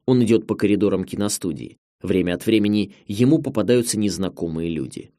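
A man narrating a memoir audiobook in a measured, expressive storytelling manner, recorded on a close studio mic. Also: on the low side, no echo.

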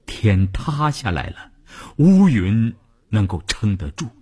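A male radio storyteller reads a novel in a deeply husky, breathy voice, unhurried and measured. His pitch sweeps widely, sinking to hushed whispers and rising again with drama. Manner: highly expressive, dropping to whispers and swelling again.

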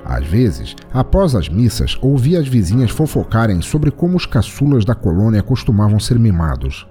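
This story narrator and podcast host is a Brazilian man whose lowish, dark-toned voice is very animated at a normal pace. His short-story delivery is scripted, formal and literary, with music running behind the voice.

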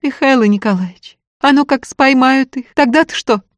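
A woman's voice: sits high, normal speed, no room sound, studio quality, voice pushed up, close to an everyday voice. A woman voicing a tearful, self-blaming young peasant woman who talks in plaintive, folksy village speech. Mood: alarmed.

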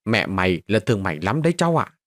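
A man's voice: fairly low pitch, big pitch swings, quick pace, dry recording, clean studio sound, voice pushed down. A man doing a kindly village butcher. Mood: praising. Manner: warm praise, fatherly advice. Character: older male pork butcher, kindly and praising.

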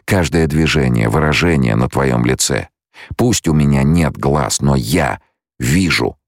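A man reading an audiobook, voicing a blinded young male prophet-leader who speaks in a steady, commanding, measured way. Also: very deep voice, dry recording, studio quality, full character voice. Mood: calm.

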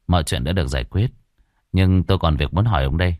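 A stern exorcist master from a spoken fantasy tale, speaking in a low, firm, blunt voice, as a male narrator plays him. He questions people with commanding directness. The sound is dry and close. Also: quick pace, darkish tone, dry recording, natural voice.

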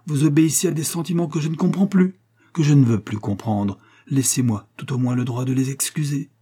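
A man's voice: on the low side, moderate pace, warm tone, husky. A man voicing a dignified young son who speaks formally and firmly. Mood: indignant. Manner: formal, firm, polite.

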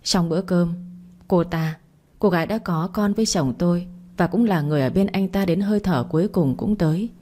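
Female narrator for a drama audiobook, dark soft tone, slightly low voice. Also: fairly quick. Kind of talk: storytelling narration with dialogue.

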